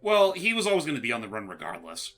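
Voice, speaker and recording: A man's voice: medium pitch, wildly swooping pitch, fast talker, sharp tone. A man commentating casually on a co-op game, with playful announcer-like flourishes. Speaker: gaming video commentator.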